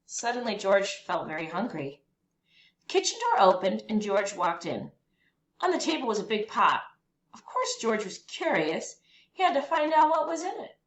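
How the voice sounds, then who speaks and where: A woman storyteller reads a children's picture book aloud in a medium-pitched voice, phrasing it expressively and deliberately for young listeners. The recording has a roomy echo and faint background noise.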